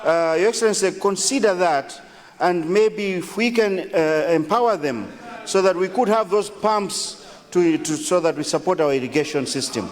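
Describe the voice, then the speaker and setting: A man's voice: sits high, normal speed. Deferential Malawian man addressing a hall. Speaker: member of parliament. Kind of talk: formal parliamentary address. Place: large indoor parliamentary chamber. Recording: echoing chamber hall.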